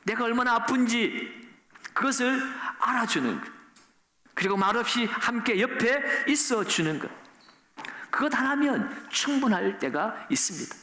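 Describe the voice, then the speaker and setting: A man's voice: extremely high pitch, lively intonation, a little slow, bright, forceful tone. A middle-aged man preaching an earnest Sunday sermon as pastor, often putting rhetorical questions to his congregation. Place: church sanctuary. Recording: echoey church sanctuary.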